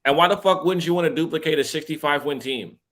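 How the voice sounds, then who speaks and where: A man co-hosting a casual sports show, ranting in an animated way and swearing a lot. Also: fairly high pitch, fast talker. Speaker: podcast co-host.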